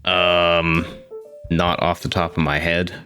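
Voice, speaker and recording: A man's voice: deep voice, little pitch movement, slow pace. A man playing a tabletop role-playing game, talking casually through what his character does. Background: soft guitar music.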